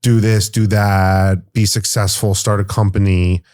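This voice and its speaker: A man hosting a podcast interview in a relaxed, casual way, using slang. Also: fairly low pitch, measured pace, smooth, no echo, studio quality. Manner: laid-back, says "bro" and "like". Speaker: podcast host.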